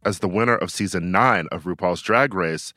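A man's voice: low-pitched, moderate pace, bright, forceful tone, no echo, studio quality. A man hosting a podcast, delivering introductions and questions. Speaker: podcast host.

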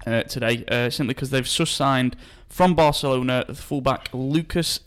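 A man hosting a football transfer podcast in casual chat, talking in quick, halting bursts with many restarts. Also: medium pitch, a bit bright, clean tone, faint music behind. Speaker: podcast host.

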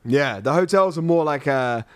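A man's voice: fairly high pitch, expressive, moderate pace, clear, resonant tone. A man hosting a podcast in a casual, chatty style. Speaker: podcast host. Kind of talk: casual chat.

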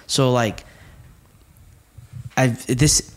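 A young man with a slight Mexican accent co-hosts a casual podcast, ranting bluntly and swearing freely. His mid-range voice holds a steady tone and moves extremely slowly.

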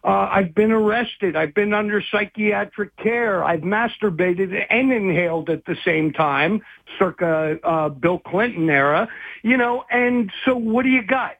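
A man's voice: high-pitched, unhurried, no room sound. A man speaking as a guest investigative journalist, rambling and hesitant, with many restarts, in a phone interview. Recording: tinny phone line.

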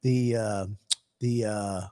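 A man's voice: fairly low pitch, steady tone, slow, mellow, no room sound, clean studio sound. A man co-hosting a podcast in casual banter, rambling with stammered restarts and teasing his co-host.

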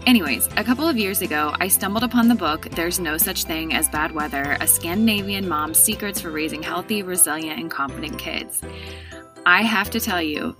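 Earnest woman podcast host over music. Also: fairly low pitch. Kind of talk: scripted intro then interviewing.

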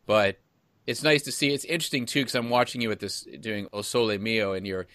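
A man's voice: on the low side, fairly even intonation, fairly quick, fairly bright tone, no room sound. A man hosting a casual interview, rambling through his questions with many restarts. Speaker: interview host.

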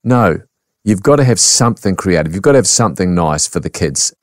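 A man in his sixties with a New Zealand accent hosting talkback radio, animated and laughing often as he reads out listener texts. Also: deep voice, fairly quick, dry recording, studio quality. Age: 60s.

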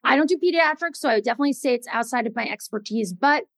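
A woman cardiologist in casual podcast chat, telling stories in an animated way with many fillers. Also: fairly high pitch, racing, no echo. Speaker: cardiologist guest.

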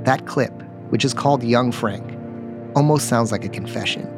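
A man hosting a podcast, narrating a true-crime investigation in a measured, insistent way. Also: medium pitch, over music.

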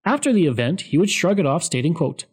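A man giving a scripted, steady explanatory narration of political history. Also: on the high side, fast, husky.

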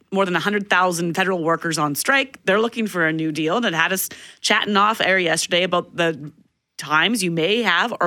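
A woman's voice: lowish voice, sharp tone, no echo, studio quality. A woman chatting casually as a morning radio co-host, telling stories with acted-out quotes. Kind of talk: casual chat. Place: dry radio studio.

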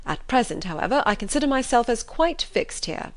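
A woman voicing an amiable, impulsive young gentleman in an audiobook, speaking with frank, cheerful emphasis. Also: on the high side, big pitch swings, brisk, voice pushed up. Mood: lively. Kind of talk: audiobook character voice.

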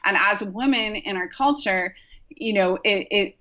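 A woman's voice: mid-range voice, measured pace, sharp tone, highs cut off. A woman acupuncturist talking casually as a podcast guest, rambling with many fillers and restarts. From Rochester, New York.

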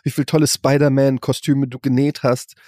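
A man's voice: mid-range voice, flat delivery, normal speed, darkish tone, no echo. Ranting, foul-mouthed man on a dry mic. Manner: crude, ranting, acts out quoted voices. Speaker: podcast co-host. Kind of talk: casual chat.

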